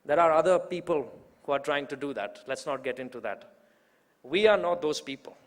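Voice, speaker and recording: His voice a little high and animated, a man in his twenties rallies the audience at a political event at a moderate pace, using repetition to build momentum. He's the youth organizer bringing on the main speaker, and the large hall adds long reverb.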